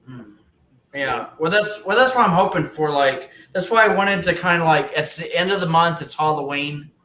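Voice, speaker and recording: A man chatting on a live stream in a rambling, filler-heavy way, swearing casually as he goes. His voice is bright and a little high, and it echoes around a roomy space. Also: moderate pace. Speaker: stream co-host.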